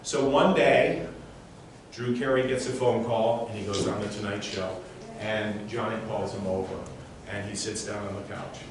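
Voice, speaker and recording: A man's voice: fairly low pitch, fairly even intonation, normal speed. A man performing as a mind reader on stage, intense and emphatic, repeating phrases and giving commands as he talks to a live audience. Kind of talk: live stage show, motivational talk with audience demonstration. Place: large echoey room before a live audience. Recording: very echoey room, distant mic, faint noise.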